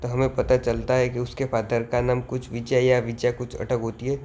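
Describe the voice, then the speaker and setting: A man casually retelling a manga story in a halting way, correcting himself as he goes. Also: medium pitch. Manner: flat, halting retelling with fillers and self-corrections. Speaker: manga explainer.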